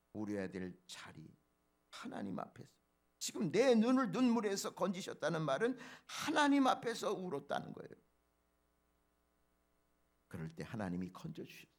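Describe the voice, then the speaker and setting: A male pastor preaching a dawn prayer sermon, swinging from soft low asides to loud emphatic peaks and speaking straight to the congregation. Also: sing-song, normal speed. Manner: preacherly, addresses congregation directly.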